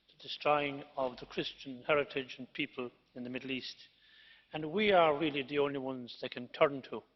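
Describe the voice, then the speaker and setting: A man addressing a parliament debate in an emphatic, declaiming delivery. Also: fairly high pitch. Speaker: member of parliament. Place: parliament chamber. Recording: reverberant chamber, muffled broadcast feed.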